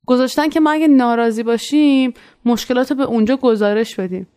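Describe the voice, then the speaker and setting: A woman's voice: a little high, warm tone, close to an everyday voice. A woman voicing her bold young schoolgirl friend, urging and persuading. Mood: eager. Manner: urgent, persuasive.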